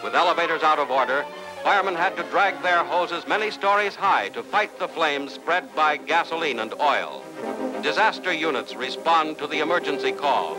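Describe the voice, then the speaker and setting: A man narrating an old newsreel soundtrack in a brisk, declamatory 1940s announcer manner. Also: on the high side, lively intonation, poor audio. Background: music.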